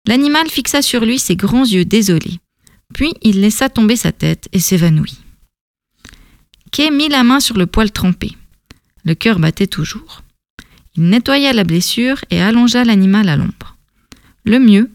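A woman narrating a storybook in a calm, measured reading voice. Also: mid-range voice, no echo, clean studio sound.

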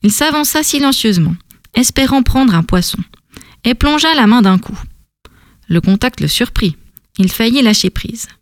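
A woman narrating a storybook in a calm, measured reading voice. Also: fairly high pitch, no room sound, studio quality.

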